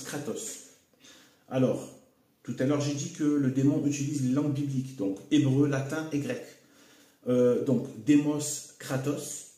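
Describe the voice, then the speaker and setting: A man giving an unscripted solo video monologue, halting and repeating words, with frequent fillers like "hein" and "voilà". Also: medium pitch, warm tone. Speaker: video commentator. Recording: echoey room.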